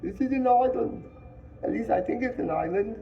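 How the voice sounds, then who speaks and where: A man reading aloud who voices a fair-haired schoolboy, casual and confident, in a high boyish voice. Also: moderate pace, creaky, muffled recording. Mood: offhand.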